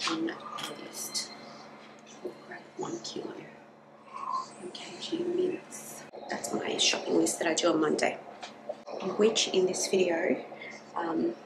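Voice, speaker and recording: A young woman chatting casually to camera about her home routine, softly spoken and sometimes whispering. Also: medium pitch, creaky, very noisy. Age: young adult. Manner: chatty, softly spoken, drops to a whisper while the baby naps. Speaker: vlogger. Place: small home kitchen and bedroom indoors. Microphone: camera at arm's length or on a counter.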